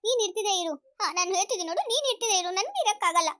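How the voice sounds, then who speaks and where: Fed-up young wife voiced by a woman, very high voice, quick, complaining, pleading. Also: lively intonation, fairly bright tone. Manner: complaining and pleading, repeating herself. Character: fed-up young wife who hates the joint family.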